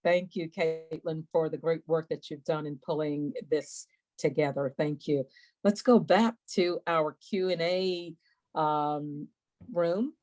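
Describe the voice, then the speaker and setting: A woman's voice: deep voice, slow, a little mellow. A woman hosting an online webinar question and answer session in a courteous, somewhat formal way. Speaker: webinar host and moderator.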